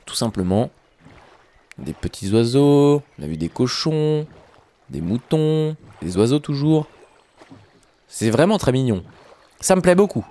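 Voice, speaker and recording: A young man chatting excitedly to his viewers while commenting on his own gameplay. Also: mid-range voice, a little slow, long pauses. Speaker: gaming YouTuber. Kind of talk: Minecraft let's play commentary.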